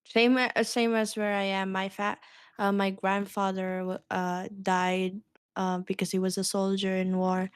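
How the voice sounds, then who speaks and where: A woman chatting on a group podcast in a smooth, clear voice, recorded dry and close. She talks hesitantly, restarting her sentences and giggling. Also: mid-range voice, flat delivery, measured pace, no room sound. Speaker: vtuber podcast co-host. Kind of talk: casual group chat.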